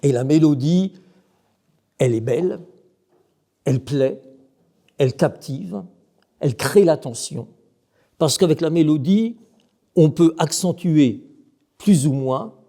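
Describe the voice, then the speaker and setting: A middle-aged monk gives an emphatic talk explaining Byzantine chant, occasionally singing short examples and asking his listeners questions. He speaks slowly with frequent pauses, in a slightly high, dark-toned voice.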